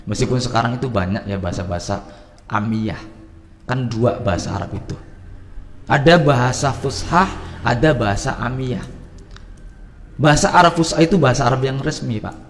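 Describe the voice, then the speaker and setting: Animated preacher in a reverberant hall. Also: male voice, medium pitch, normal speed, long pauses, slight background noise. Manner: animated, swings between loud and soft, mixes Arabic phrases. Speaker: religious teacher. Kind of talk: lively Islamic study talk. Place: study gathering hall.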